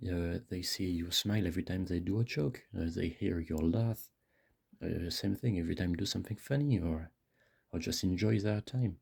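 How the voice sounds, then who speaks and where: A man's voice: low-pitched, normal speed, gravelly, darkish tone, slightly rough. A man speaking very close to the microphone in a casual, rambling monologue, hesitant and often searching for his words. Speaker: video creator. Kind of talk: casual rambling monologue, self-help musing. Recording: close-miked with mouth clicks.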